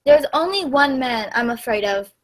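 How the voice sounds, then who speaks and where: A woman playing a frank gentleman doctor in a radio play, speaking in a measured, deliberate way. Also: high-pitched, lively intonation.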